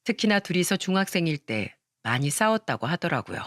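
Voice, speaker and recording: A woman's voice: on the low side, fairly quick, no room sound. Woman narrating a story in a dry, close voice. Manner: even, storytelling.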